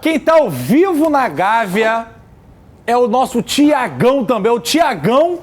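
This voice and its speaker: Lively high-voiced Rio host. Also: male voice, measured pace. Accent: Brazilian Portuguese, Rio de Janeiro. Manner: lively, jokey, hands over to reporters. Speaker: show host. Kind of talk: hosting studio debate.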